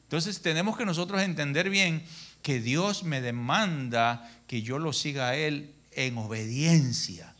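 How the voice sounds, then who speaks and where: A middle-aged man preaching a sermon in a church, telling stories in an animated way and calling his listeners brother. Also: fairly high pitch, measured pace. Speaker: pastor.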